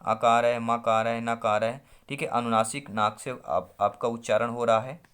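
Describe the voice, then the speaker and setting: A man's voice: medium pitch, flat delivery, normal speed, a bit bright, clean tone. A man with a mid-range voice teaches an online exam-prep lesson. He works through questions in a quizzing way and stretches out syllables to show each sound. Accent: Hindi-speaking India.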